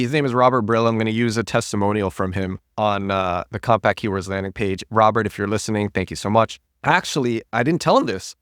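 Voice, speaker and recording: A man's voice: medium pitch, dry recording, clean studio sound. A man hosting a solo podcast, talking in an enthusiastic, rambling way and often restarting his sentences. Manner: rambling, self-correcting, enthusiastic. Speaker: podcast host.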